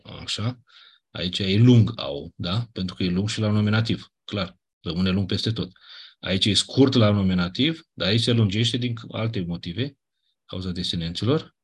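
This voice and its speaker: A man teaching a class, explaining grammar rules patiently, often checking that students follow and clearing his throat now and then. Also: deep voice. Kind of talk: classroom lecture on Ancient Greek grammar.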